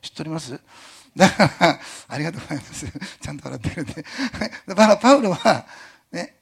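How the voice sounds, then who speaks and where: Brief: middle-aged male preacher, fast-talking and gravelly, animated sermon with playful asides. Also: on the high side. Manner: animated, jokey preaching with many fillers. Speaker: pastor.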